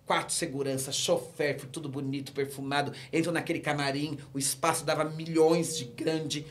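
A man with a Brazilian Portuguese accent and a high voice tells his testimony as a pastor would. He performs the story and slips into the voices of the people he met. It has the pull of a sermon, set in a relaxed podcast studio. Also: normal speed, slight background noise.

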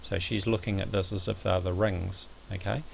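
A man giving a measured, somewhat hesitant step-by-step explanatory commentary over a screen recording, as an amateur astronomy presenter. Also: low voice, steady tone, gravelly, slight background noise.

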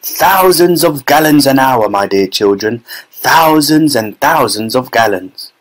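A man's voice: mid-range voice, lively intonation, unhurried, close to an everyday voice, poor audio. A man playing an exuberant Mister Wonka, proud showman. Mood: proud, excited. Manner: effusive, emphatic, relishing his words. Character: exuberant, theatrical chocolate factory owner, proud showman.

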